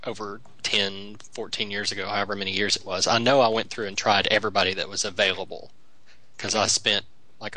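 A man's voice: fairly low pitch, sharp tone, dry recording, poor audio. A man chatting casually on a video game panel, complaining in a self-deprecating way. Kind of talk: casual chat.

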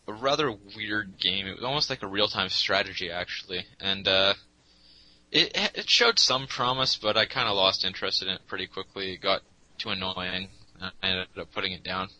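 A man on a casual podcast, speaking in a measured, matter-of-fact way. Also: sits low, sharp tone, poor audio. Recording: faint background noise.

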